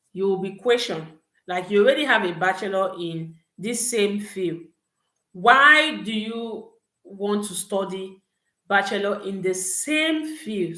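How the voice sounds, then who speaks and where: In a live Q&A, a young Cameroonian woman answers study-abroad questions and gives advice, often checking in with "okay" and "all right." Her voice is mid-range with a fairly bright tone, and the room has a roomy echo.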